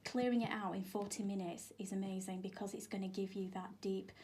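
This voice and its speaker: This yoga instructor, a guest on a radio programme, talks a little fast in a mellow, mid-range voice with a level tone. Her explanations are informal and emphatic, and the studio capture is clear despite background noise.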